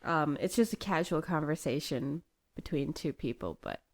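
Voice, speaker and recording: Chatty woman with a lowish voice. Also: animated, moderate pace. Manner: chatty, laughs often. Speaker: podcast co-host. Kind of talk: casual chat.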